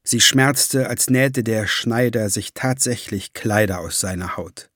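A man reading a fantasy novel aloud as audiobook narration, measured and steady. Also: lowish voice, no echo, clean studio sound. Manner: measured storytelling.

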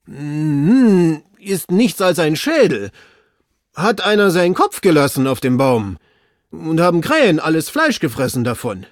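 A man reading aloud, voicing a fearful male servant calling down from high in a tree in broken, drawn-out speech. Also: big pitch swings, no room sound, clean studio sound. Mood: anxious. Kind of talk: audiobook reading.

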